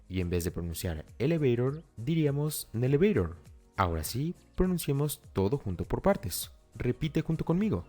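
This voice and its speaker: A man with a low, mellow voice narrates a scripted lesson. His pitch moves a lot as he explains each step and talks straight to the learner. Soft music plays faintly behind him. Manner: clear, step-by-step explaining, addresses the learner directly. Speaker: English teacher.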